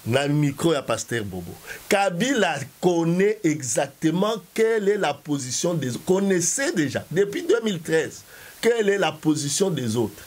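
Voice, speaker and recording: Animated man arguing politics. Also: a little high, normal speed. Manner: animated, emphatic, code-switching. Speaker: political commentator. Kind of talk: political call-in commentary.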